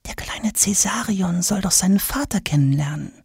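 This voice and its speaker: A man's voice: a little high, fairly even intonation, moderate pace, warm tone, breathy edge, no echo, clean studio sound, voice pushed up. A man voicing a chatty, gossipy young woman. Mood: whispering. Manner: gossipy, confiding.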